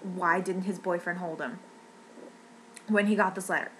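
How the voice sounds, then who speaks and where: A woman's voice: lowish voice, steady tone, normal speed, fairly bright tone, a little hiss or hum, poor audio. A woman ranting in an upset, rambling way, near tears and often restarting her sentences. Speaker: fan vlogger. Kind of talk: emotional rant.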